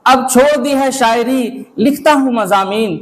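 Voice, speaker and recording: A man's voice: very high-pitched, unhurried, slight background noise, poor audio. A man reciting humorous poetry on stage at a live poetry gathering, repeating each verse and chatting with the audience between them. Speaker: comic poet.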